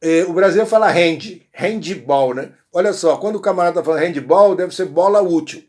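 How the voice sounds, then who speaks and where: A man with a Brazilian accent, teaching an English lesson and sounding out model phrases slowly, with frequent check-ins. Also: sits high, a little mellow. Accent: Brazilian Portuguese. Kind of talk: explanatory language lesson.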